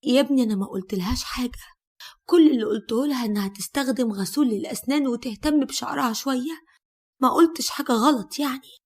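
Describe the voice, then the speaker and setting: A woman's voice: high voice, quick pace. A woman with an Egyptian accent voicing a self-justifying mother-in-law who speaks defensively.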